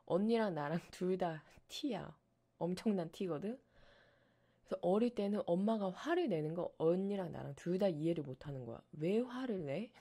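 A woman who streams ASMR, chatting casually on her live stream and telling stories with animated energy and frequent laughs. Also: medium pitch.

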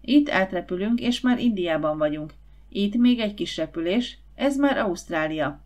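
A woman's voice: mid-range voice, close to an everyday voice. A woman narrator voicing a confident, eager schoolboy who leads his friends in a storybook. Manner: lively, confident, persuasive.

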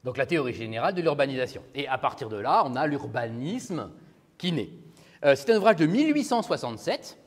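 A man's voice: medium pitch, sing-song, brisk, husky. A man lecturing as a law professor, talking casually and asking his class questions. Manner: conversational, asks the class questions. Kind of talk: university lecture. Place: lecture hall. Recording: reverberant lecture hall.

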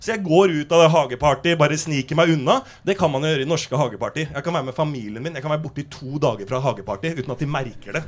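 Give me a man with a high voice performing stand-up comedy on stage, telling stories brashly and swearing freely. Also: hardly any pauses. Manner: brash, swears a lot, animated storytelling. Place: theater stage before a live audience.

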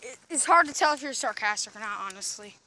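A young woman hosting casual gameplay chat outdoors, excitable and jokey. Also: fairly high pitch, fast talker, a little hiss or hum. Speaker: channel host playing a mobile game. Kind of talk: casual chat while walking.

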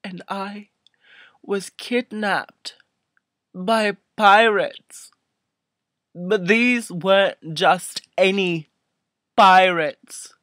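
A vlogger in his twenties tells a comic story to camera in a high voice, halting and mock-emotional, his delivery swelling and then hushing. He sits close to a built-in webcam mic in a small furnished room, with no echo.

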